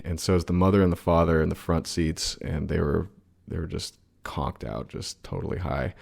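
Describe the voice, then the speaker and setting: A podcast co-host with a deep, darkish voice and some vocal fry speaks at a moderate pace. In a casual political chat, he talks bluntly and rambles at length about the year's news, swearing casually now and then.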